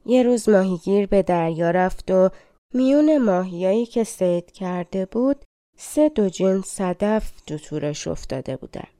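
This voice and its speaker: A woman narrating an audiobook of fairy tales in a gentle, colloquial telling style. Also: medium pitch, animated, dry recording, clean studio sound. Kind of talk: storytelling narration.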